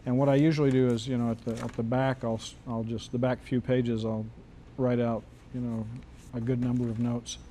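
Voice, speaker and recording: A man talks to his screenwriting class in a classroom, his voice mellow and dark. He is easygoing and jokey, circling back and restarting his sentences as he goes. A faint hiss sits under the recording. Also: medium pitch, level tone, a little fast. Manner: loose, joking, many restarts. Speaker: screenwriting teacher. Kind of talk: casual classroom talk.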